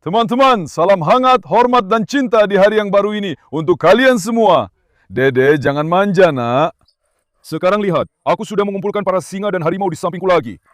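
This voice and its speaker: A man vlogging with his dogs, talking to the viewers and coaxing and scolding the dogs in a soft voice. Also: high-pitched, fast talker, dry recording, studio quality. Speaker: dog keeper and vlogger. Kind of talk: casual vlog talk to camera and dogs.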